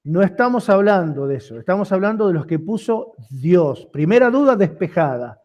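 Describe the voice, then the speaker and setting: A man's voice: sits high, expressive, normal speed, a little mellow, highs cut off. A man, a pastor preaching a sermon with repeated rhetorical questions and building intensity.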